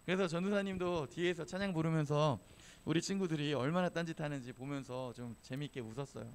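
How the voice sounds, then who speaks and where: A man preaching to a church youth group in a chatty, joking storytelling manner. His voice sits a bit high for a man, and he keeps slipping into little acted quotes. It is a relaxed sermon, far from a formal one. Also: quick pace, slight background noise. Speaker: youth pastor. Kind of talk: casual storytelling sermon to teenagers.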